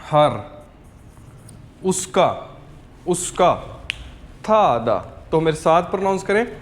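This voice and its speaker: A man with a high voice teaches a beginner lesson at an unhurried pace. He repeats each word slowly so learners can say it back after him. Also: big pitch swings. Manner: patient, repeats words for learners to copy, says "ok" often. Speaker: language teacher. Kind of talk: slow step-by-step language lesson.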